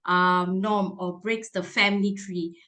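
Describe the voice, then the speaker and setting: A woman's voice: medium pitch, level tone, measured pace, bright, forceful tone. A woman hosting a podcast, asking thoughtful questions while she searches for her words. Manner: searching for words, frequent restarts. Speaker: podcast host. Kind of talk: casual conversational interview.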